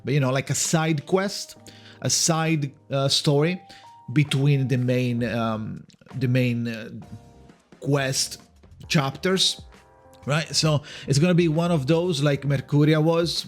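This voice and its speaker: A man giving casual, speculative video commentary, rambling and hesitant, repeating words and swearing lightly. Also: medium pitch. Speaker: video creator giving game news.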